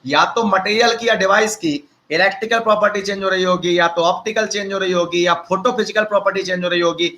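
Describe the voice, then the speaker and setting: Bright, high-voiced male teacher. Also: fairly even intonation, fast, few pauses, low-quality recording. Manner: chatty, teasing asides to students. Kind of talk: live online lecture.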